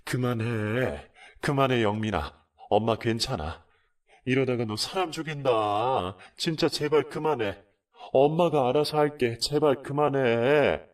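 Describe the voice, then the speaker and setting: A man doing an older mother, high-pitched, emotional, lively swings, slightly gravelly, distant. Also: normal speed. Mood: pleading. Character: older mother, newly remarried woman, pleading.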